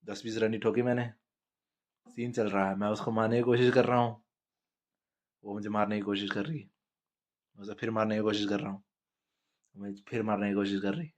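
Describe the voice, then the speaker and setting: A man's voice: on the low side, flat delivery, brisk, pauses often. A man from India telling crude comic stories in a blunt, profane, conversational way. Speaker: storyteller. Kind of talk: crude comedic monologue.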